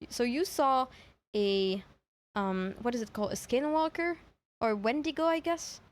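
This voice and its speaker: On a livestream reacting to horror videos, a woman chats casually, hesitating, thinking aloud and repeating herself. Her voice is a little high and a little slow.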